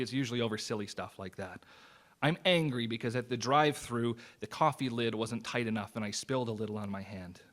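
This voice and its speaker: A man's voice: medium pitch, a bit bright. A man preaching a sermon as associate pastor, in an earnest, conversational way with personal stories.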